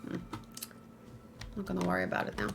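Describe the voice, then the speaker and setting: A woman hosting a gaming livestream talks fast, giving casual let's play commentary in short, musing fragments as she plays. Faint noise and keyboard typing can be heard behind her.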